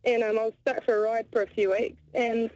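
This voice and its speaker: A woman's voice: on the high side, level tone, a little fast, a little mellow, dry recording, muffled recording. A woman with a New Zealand accent calling a radio show, telling a story with hesitant ums. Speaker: radio caller. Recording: caller audio on a radio broadcast.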